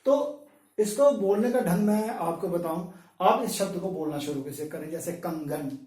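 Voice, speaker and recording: High-voiced man teaching in an echoey room. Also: mellow, distant mic. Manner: slow, drawn-out demonstration of sounds with fillers. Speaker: Hindi lecturer. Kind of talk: classroom-style pronunciation lesson.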